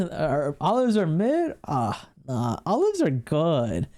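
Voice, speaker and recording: Slow and mellow, with a medium pitch that swoops wildly, a streamer rambles in casual livestream chat. He laughs frequently, swears freely, and reacts on screen while addressing viewers.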